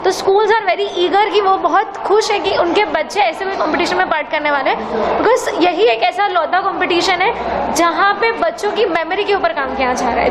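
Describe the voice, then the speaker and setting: A woman organizer giving an on-site news interview, talking quickly and mixing Hindi and English. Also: extremely high pitch. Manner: fast, mixes Hindi and English. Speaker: event organizer. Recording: noisy crowded venue.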